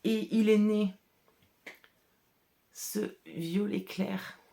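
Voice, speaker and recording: A woman's voice: mid-range voice, steady tone, very slow, vocal fry, mellow. A woman with a regional French accent, chatting casually on her podcast about dyeing yarn colours and laughing often. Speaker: hand-dyer and shop owner hosting a podcast. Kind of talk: casual chat.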